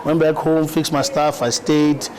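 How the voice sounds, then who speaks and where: A man's voice: fairly high pitch, flat delivery, measured pace, a faint crowd, poor audio. A South African man in his thirties, a rapper and actor, talking easily in a podcast interview and often repeating words and saying "you know". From South Africa, Eastern Cape.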